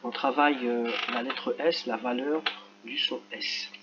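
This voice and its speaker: A male teacher correcting a reading exercise for children, talking slowly and carefully and spelling out each sound as he works. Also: medium pitch, steady tone, dull audio, noisy background. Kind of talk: screen-recorded lesson correction.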